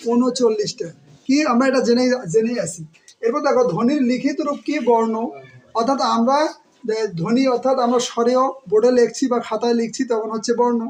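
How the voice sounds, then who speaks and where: A male teacher giving an exam-prep grammar lesson. He asks his students questions, answers them himself, and repeats words slowly, stretching out each syllable. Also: very high voice, rough recording.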